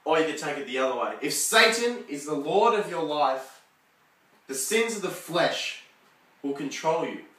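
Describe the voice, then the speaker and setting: Earnest young man, bright tone. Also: fairly high pitch, lively intonation, normal speed. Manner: earnest, repeats key points. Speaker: youth speaker. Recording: roomy echo, far from mic.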